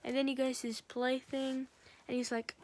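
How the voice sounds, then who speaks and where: A woman with a slightly raised pitch talks through a film's story as a casual reviewer. She rambles, restarts and links every beat with "and then", keeping it loose and conversational. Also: little pitch movement, normal speed, a little mellow, a little hiss or hum. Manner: rambling, strings events together with "and then". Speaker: film reviewer. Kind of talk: casual film recap.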